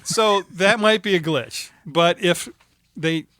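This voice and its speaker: A man's voice: sits high, slow pace, pushed and bright, no room sound, studio quality. A man co-hosting a podcast, chatting casually about a film, retelling the plot with asides and laughs. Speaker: podcast co-host.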